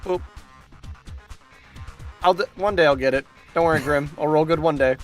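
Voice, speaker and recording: A man's voice: a little high, moderate pace, faint music behind. A man playing a tabletop role-playing game, talking casually and jokily, sometimes in character.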